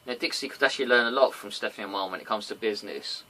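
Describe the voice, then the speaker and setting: Racing along in a lowish, sharp voice, a man hosts a laid-back wrestling review podcast with noisy home audio. He rambles chattily and occasionally launches into silly impressions sung aloud.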